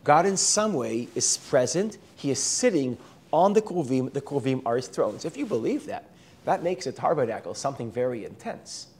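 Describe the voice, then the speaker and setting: A man's voice: medium pitch, sing-song, normal speed, darkish tone, breathy edge. An Israeli man with an American-sounding accent, lecturing on a Bible book, often restarting words and mixing in Hebrew terms. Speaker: Bible teacher.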